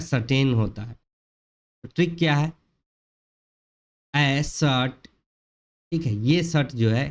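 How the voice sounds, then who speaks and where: A man teaching English vocabulary in an online lecture. He asks questions and answers them himself, and he repeats the key words. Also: mid-range voice. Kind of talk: explanatory online lecture in Hinglish.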